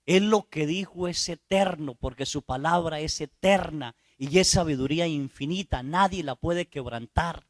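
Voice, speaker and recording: Storytelling priest preaching. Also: male voice, on the high side, moderate pace, hardly any pauses, no echo, clean studio sound. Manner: storytelling preacher who acts out voices and asks "¿sí?". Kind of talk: sermon.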